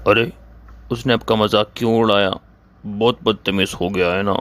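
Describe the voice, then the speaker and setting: A man's voice: on the low side, fairly even intonation, fairly bright tone, close to an everyday voice. An actor playing a gullible, easily offended old grandfather who scolds and complains in a comedy skit. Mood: coaxing.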